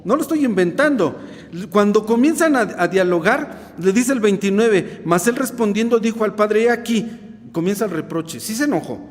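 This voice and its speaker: Animated high-voiced Mexican preacher. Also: male voice, normal speed. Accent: Mexican Spanish. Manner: animated, acts out quoted dialogue, asks the congregation questions. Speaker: pastor. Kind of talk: evening sermon. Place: church sanctuary. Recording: reverberant church hall.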